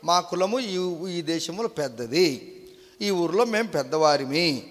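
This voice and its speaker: High-voiced preaching pastor, echoey church. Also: male voice, lively intonation. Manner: emphatic preaching that swings from quiet asides to loud, drawn-out proclamations; quizzes the congregation with questions. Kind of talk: Sunday sermon.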